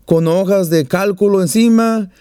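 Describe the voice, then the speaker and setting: A man's voice: high-pitched, measured pace, mellow, smooth, dry recording, studio quality. A man preaching a sermon, mixing scripture and prayer with jokes and small stories. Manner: joking storyteller, plays out little voices.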